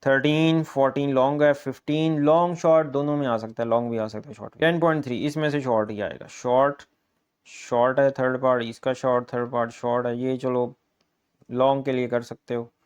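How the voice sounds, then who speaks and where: A man with a Punjabi-influenced Urdu accent, a math teacher walking students briskly through an exam guess paper, repeating key points in an encouraging way. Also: mid-range voice, fairly even intonation, smooth. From Pakistan.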